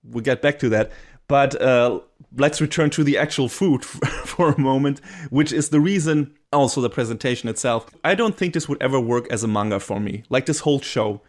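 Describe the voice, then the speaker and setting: A man's voice: mid-range voice, a little fast. A man co-hosting a casual podcast, reviewing a show with eager, rambling talk full of restarts and fillers. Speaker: podcast co-host reviewing anime.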